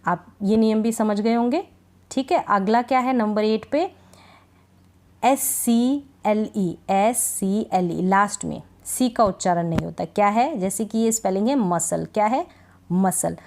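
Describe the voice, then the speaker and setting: A woman with an ordinary mid-range voice teaches a phonics lesson in Hindi. She drills word after word at a slow, patient pace and keeps checking that her learners have followed. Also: mid-range voice, gravelly, a little mellow. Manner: slow, repetitive drilling of words, frequent "thik hai" check-ins. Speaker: English reading teacher.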